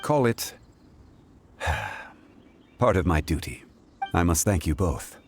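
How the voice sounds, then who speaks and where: A man voices an ancient god in human form, calm and weary, delivering measured video game dialogue in a formal, deliberate way. His voice is low and reserved, with a slight hiss or hum in the recording.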